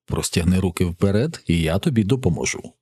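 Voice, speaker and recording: A man voicing a calm, menacing armed man who gives curt, quiet, flat threats. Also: sits low, a little fast, slightly rough, no echo, studio quality.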